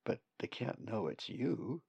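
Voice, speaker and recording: A man's voice: medium pitch, sing-song, unhurried, creaky, a little mellow, husky, no echo, heavily acted. Man doing a curious young raven. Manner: questioning, earnest. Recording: dull dry lo-fi recording.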